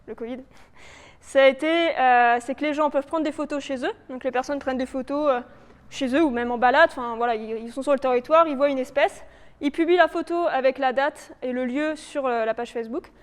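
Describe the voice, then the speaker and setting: In an echoing meeting room that sounds like a large hall, a woman talks a little fast in a high, clear, resonant voice. She's presenting slides informally for a local authority biodiversity project before a live audience, explaining in a hesitant, loosely improvised way.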